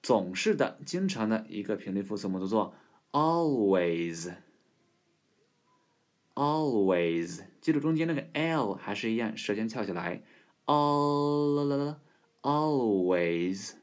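A man hosting an English pronunciation lesson, showing how to say each word slowly and repeating it several times. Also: fairly low pitch, sing-song, darkish tone. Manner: demonstrates words slowly and repeats them. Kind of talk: slow spoken language lesson.

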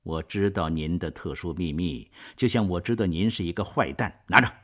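A man voicing an earnest, emotional young man who speaks in a raised, loud, fervent way in a storybook reading. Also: deep voice, moderate pace.

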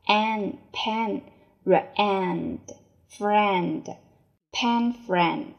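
Woman, vocabulary teacher, very slow, gravelly, repeats each word three times, then explains in Chinese. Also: medium pitch, muffled recording. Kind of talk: slow word-by-word spelling and dictation drill.

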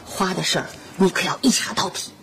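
An actress playing a brisk, sharp-tongued wife and mother who fires back exasperated retorts, in a sitcom. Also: on the low side, natural voice. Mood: scolding, fussing. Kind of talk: sitcom acting. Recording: loud background noise on TV audio.

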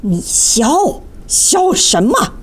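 A woman's voice: a little high, animated, slow pace, darkish tone, breathy edge, heavily acted. A woman voicing a hot-tempered old male sorcerer who snaps and growls his questions in a children's storybook. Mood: angry.

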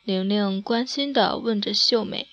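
A woman narrating a scripted horror story in a slow, measured reading. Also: mid-range voice, a bit bright, dry recording, soft background music.

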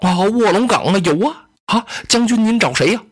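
A man's voice: high-pitched, animated, normal speed, breathy edge. A male storyteller voicing a timid young village woodcutter who stammers nervously, in a Chinese oral storytelling style.

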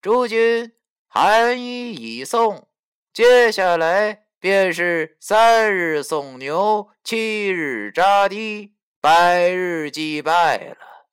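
A man voicing a solemn male funeral officiant who intones the rites slowly and formally. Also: high-pitched, expressive, fairly bright tone, clean tone, heavily acted. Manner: slow, ceremonial intoning.

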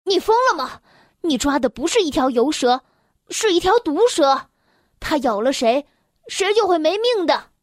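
A woman voicing a brave young boy who shouts urgent warnings. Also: a little high, normal speed, long pauses, no room sound, clean studio sound, close to an everyday voice. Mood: alarmed. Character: brave young boy, frightened but bold.

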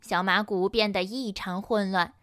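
A woman teacher narrating a children's story, acting out the characters with lively energy. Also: mid-range voice, measured pace, no room sound, studio quality.

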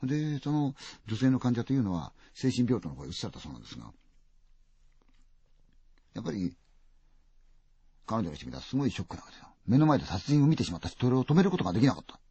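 A man telling a ghost story dramatically, full of vivid sound words and swinging from loud to hushed. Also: mid-range voice, sing-song, fast, long pauses, husky, no room sound. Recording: dull, dry lo-fi recording.

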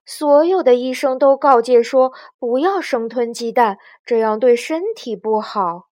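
A woman voicing a calm mother hen who reassures and instructs the flock, for a children's story. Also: a little high, measured pace, lightly acted. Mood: firm.

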